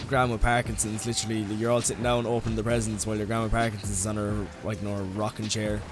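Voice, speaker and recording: A man's voice: on the low side, little pitch movement, fast, noisy background. A young man with an Irish accent, ranting comically in a rambling, sweary way full of "like"s. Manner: rambling, sweary, heavy use of "like". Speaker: vlogger. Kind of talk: comedic rant.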